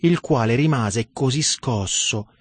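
A man's voice: mid-range voice, takes it slowly, husky, no room sound. Solemn Italian-language sermon reader, man. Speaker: religious narrator. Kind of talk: devotional sermon reading.

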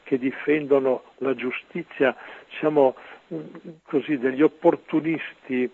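A man, a priest, giving an earnest, preachy commentary on scripture over the radio, with a gravelly, husky voice. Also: medium pitch, fairly even intonation. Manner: earnest, preachy, often pausing on "ecco". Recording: narrow phone-like radio sound.

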